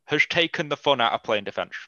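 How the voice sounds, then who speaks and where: A man talking football in a casual podcast chat, blunt and animated, swearing freely. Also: mid-range voice, fast, dry recording. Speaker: podcast guest. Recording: slightly dull, lo-fi mic.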